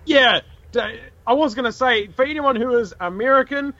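High, bright-voiced man, broad Kiwi accent. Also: normal speed, dry recording, lo-fi sound. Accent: broad New Zealand. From New Zealand. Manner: sweary, colloquial. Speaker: podcast host. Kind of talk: casual history storytelling.

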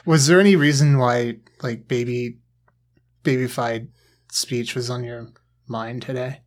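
A man's voice: medium pitch, steady tone, unhurried. A man hosting a podcast in casual chat, dry and teasing, rambling with plenty of fillers. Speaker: podcast host.

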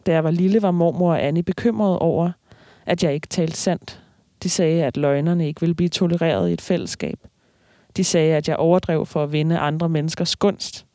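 A writer reading aloud slowly from a novel, then talking about the book with hesitant fillers. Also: mid-range voice, fairly even intonation, dark tone, no room sound, studio quality. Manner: slow, measured reading with hesitant fillers in discussion.

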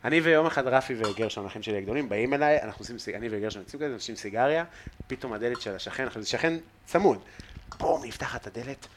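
A man hosting a podcast in a loft apartment, telling stories in a lively, slangy, casual way. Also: mid-range voice, slight background noise. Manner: animated storyteller, slangy, calls the listener bro. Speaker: podcast host. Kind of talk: casual chat, storytelling.

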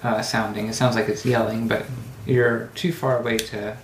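Tabletop game master, mid-pitched, unhurried and halting narration, roomy sound. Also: level tone. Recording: roomy, echoey, faint background noise.

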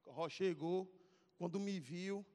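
A man's voice: high voice, takes it slowly. A man preaching to a youth service, telling a comic story and acting out scenes. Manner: animated, acts out scenes, calls out to audience. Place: church sanctuary. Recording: long reverb of a church hall.

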